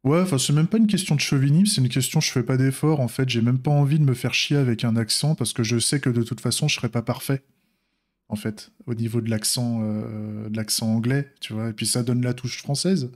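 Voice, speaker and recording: A man's voice: medium pitch, brisk, a little mellow. Male game developer from France, casual meandering delivery, lots of fillers. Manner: rambling, many restarts and filler words. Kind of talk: casual devlog chat.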